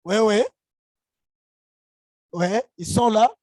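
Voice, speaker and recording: A man's voice: sits high, very slow, a little mellow, no echo, clean studio sound. A man, the local pastor, answering briefly and eagerly over a remote call.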